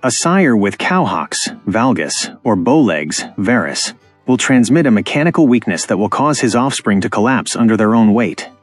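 Male narrator, lowish husky voice, firm instructive read. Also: very animated, no echo. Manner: emphatic, instructive, deliberate. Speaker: farming channel narrator. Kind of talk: scripted voice-over narration. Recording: dry close voice-over with faint music.

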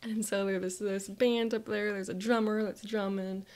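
A woman narrating a guided visualization in a soft, reflective way that often drops to a whisper. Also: medium pitch, little pitch movement, measured pace.

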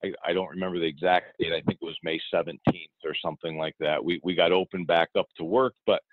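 In a boat on the water, a middle-aged fishing guide answers interview questions at a quick pace, his low voice steady and relaxed as he repeats words and restarts sentences. The recording is dry and has a tinny, phone-like quality.

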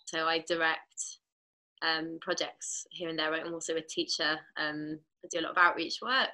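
A woman's voice: deep voice, fairly even intonation, normal speed, sharp tone, low-quality recording. A woman with a Welsh accent, a theatre maker, talking earnestly on a video call from home. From Wales. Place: home room, indoors.

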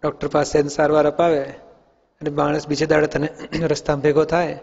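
A man's voice: fairly high pitch, completely flat delivery, brisk, darkish tone, husky. A man, a spiritual teacher, leading a question-and-answer talk with young people, patiently questioning them and using everyday examples. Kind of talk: question-and-answer discourse for youth. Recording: dull sound in an echoey hall.

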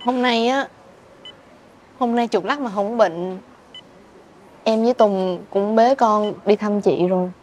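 An actress playing a remorseful young sister-in-law, pleading tearfully at a bedside. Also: female voice, mid-range voice, takes it slowly, pauses often, a little mellow, slight background noise, close to an everyday voice. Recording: drama music under the voice.

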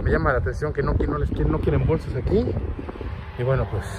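A man's voice: on the high side, steady tone, fast, lo-fi sound. A man in his thirties chatting casually as a vlogger, rambling with fillers, filming with a phone at arm's length outdoors by a shop and inside a store. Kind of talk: casual vlog. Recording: loud outdoor street noise.

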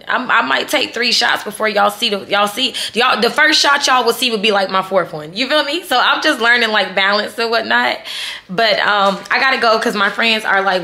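Filming herself in a resort room, a thirtysomething woman with a Southern US accent chats emotionally and rambles to the camera she holds. Her voice sits at medium pitch and sounds bright and pushed.

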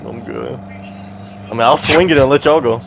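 A man's voice: mid-range voice, measured pace, creaky, very noisy. A man in casual gaming banter with friends, laughing, swearing and trash talking over the mic. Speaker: gamer in a friend group.

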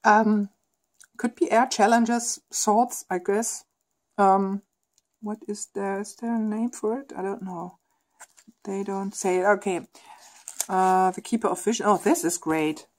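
A woman's voice: medium pitch, fairly even intonation, a little slow, darkish tone. Female host chatting through an unboxing, reads guidebook passages aloud, eager and effusive. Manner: enthusiastic, gushing over artwork. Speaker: tarot deck reviewer. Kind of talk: casual unboxing chat, reading aloud.

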